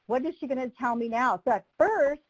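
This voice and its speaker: A woman and former prosecutor telling a personal story in a training webinar, acting out the dialogue in a lively way. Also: sits high, brisk, husky, no echo, rough recording.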